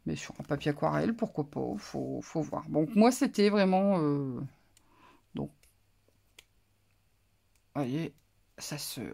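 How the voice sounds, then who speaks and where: A woman's voice: low voice, lively intonation, takes it slowly, gravelly, pauses often, dark tone. A woman vlogger casually showing off a craft haul, talking in a hesitant, musing way with many fillers. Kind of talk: casual show-and-tell haul.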